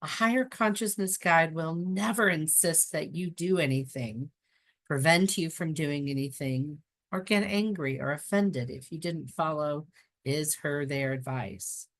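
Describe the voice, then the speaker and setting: Low-voiced woman reading a spiritual book. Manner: calm, unhurried reading with chatty asides. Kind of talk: reading aloud with casual asides.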